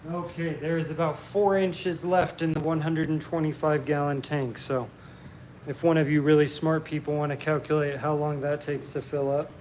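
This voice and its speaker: A man's voice: a little high, moderate pace, slight background noise. Chatty man hosting a home live stream. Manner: relaxed, chatty, frequent ums, reads chat aloud. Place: his home.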